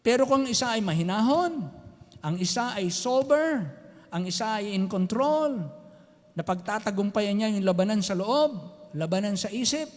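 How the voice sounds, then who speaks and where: Man preaching, high voice, animated, long hall reverb. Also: moderate pace. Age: older. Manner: animated preaching, mixing Tagalog and English. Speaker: pastor. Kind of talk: sermon. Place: church sanctuary.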